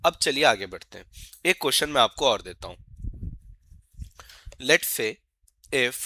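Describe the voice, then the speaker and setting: A man giving an exam-prep lecture, coaxing his students and asking questions he answers himself, and slowly reading out formulas as he writes them. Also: mid-range voice, lively intonation, pushed and bright. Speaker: teacher.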